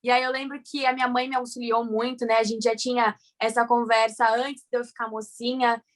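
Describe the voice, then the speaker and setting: A woman's voice: on the high side, fairly quick. A young woman with a Brazilian Portuguese accent, cheerfully recounting a memory in casual chat. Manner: cheerful, lively retelling.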